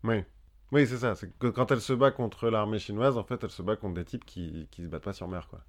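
A man's voice: on the low side, brisk. A man co-hosting a casual history podcast, chatty and joking, often restarting his sentences with fillers. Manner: joking asides. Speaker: podcast co-host.

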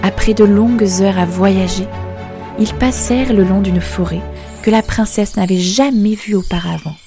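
A woman storyteller narrating a fairy tale in a calm, measured way. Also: medium pitch, over music.

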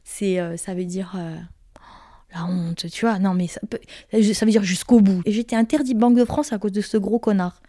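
A woman's voice: medium pitch, fairly even intonation, moderate pace, warm tone, dry recording, clean studio sound. A young woman from Corsica frankly telling a personal story in casual talk, crude and emphatic, acting out what people said. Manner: frank, crude, emphatic retelling with acted quotes.

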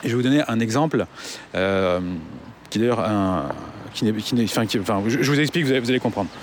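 A man's voice: mid-range voice, animated, fast talker, slight background noise. A man ranting casually to his audience, blunt and full of swearing and hesitant fillers. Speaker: online business commentator. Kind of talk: casual rant to camera.

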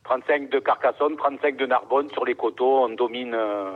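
A middle-aged man, a winemaker guest on a radio show, speaking calmly with many pauses and fillers. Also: mid-range voice, phone-quality sound. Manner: calm, measured, many fillers. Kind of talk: radio interview.

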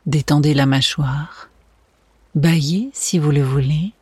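A meditation guide speaks very slowly in a soft spa whisper. The voice is extremely breathy and hushed, soothing throughout, and sounds close and dry, with almost no room around it. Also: medium pitch, no echo.

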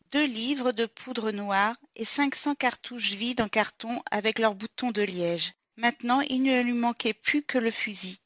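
Woman, audiobook narration, calm, raised pitch, slightly dull recording. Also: no room sound.

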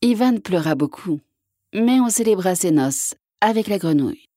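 A woman narrating a children's fairy tale in a calm, clear storytelling manner. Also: mid-range voice, normal speed, no room sound, studio quality. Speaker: storybook reader.

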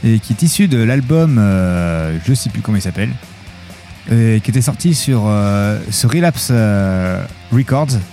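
Low laid-back male radio co-host. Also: expressive, unhurried, warm tone, faint music behind. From Nantes. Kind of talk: casual radio chat.

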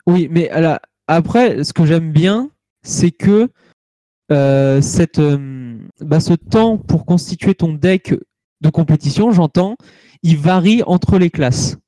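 Casual male co-host, slightly high mellow voice, relaxed and slangy. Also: takes it slowly, dry recording. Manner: relaxed, colloquial, with mild swearing. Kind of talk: casual chat.

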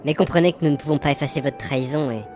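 A woman's voice: sits low, fairly even intonation, very fast, natural voice. A woman playing a proud elf warrior in a fantasy parody, solemn, formal and grandiose. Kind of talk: parody fantasy cartoon acting. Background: music.

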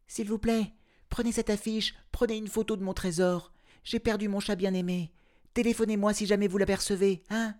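A man's voice: sits high, steady tone, normal speed, darkish tone, pitched above the performer's own voice, natural voice. A man voicing a young girl who pleads tenderly for her lost cat. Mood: pleading.

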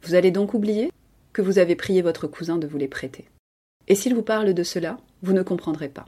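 A woman reading aloud and voicing a calm, assured male doctor who hypnotizes a patient, speaking in a commanding tone. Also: on the low side, brisk, breathy edge.

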